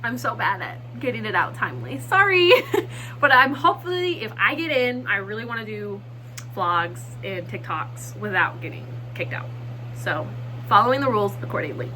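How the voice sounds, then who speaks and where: A young woman vlogging in a casual, excitable way, chatting quickly and nervously with frequent laughs. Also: mid-range voice, a little hiss or hum, rough recording. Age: young adult. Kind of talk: casual vlog chat.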